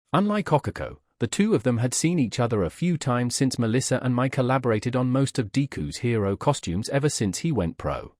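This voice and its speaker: A man narrating a romance fanfiction story in an expressive, dramatic reading. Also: mid-range voice, dry recording, studio quality. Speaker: fanfiction reader.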